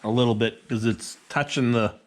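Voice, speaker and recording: A man chatting casually as co-host. He speaks haltingly and restarts mid-sentence. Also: mid-range voice, steady tone. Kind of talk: casual chat.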